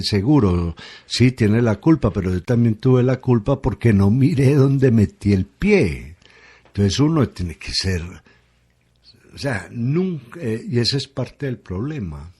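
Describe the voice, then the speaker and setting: Slow husky man musing aloud. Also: medium pitch, a little mellow. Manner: reflective, full of rhetorical questions. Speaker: radio guest. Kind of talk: radio conversation.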